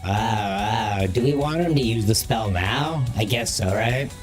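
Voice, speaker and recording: A man's voice: fairly low pitch, measured pace, faint music behind. A man talking through a voice modulator filter, thinking aloud through each move as a streamer in casual gameplay commentary. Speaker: streamer playing a card game.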